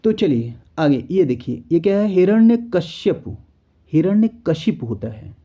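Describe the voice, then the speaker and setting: A man's voice: fairly high pitch, big pitch swings, moderate pace, mellow, slightly rough. A man teaching an exam-prep spelling lesson, explaining step by step and often checking in with the learner. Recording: dull lo-fi recording.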